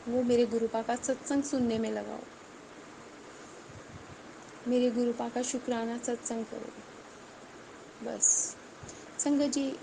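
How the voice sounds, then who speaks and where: A woman's voice: fairly high pitch, background noise. Earnest woman giving a devotional testimony. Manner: earnest, repeats phrases, addresses listeners as sangat ji. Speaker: devotee sharing her testimony.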